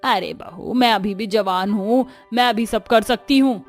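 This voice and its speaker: A woman voicing a bossy, stubborn older mother-in-law in an animated cartoon story, who wails and complains loudly. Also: a little high, unhurried, soft background music.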